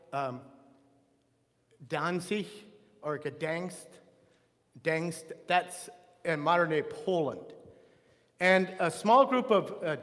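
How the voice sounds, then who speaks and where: Male Sunday school teacher, high-pitched, chatty with restarts and tangents; reverberant church hall. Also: a bit bright. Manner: conversational, with frequent restarts and asides. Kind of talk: church history lesson. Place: church room.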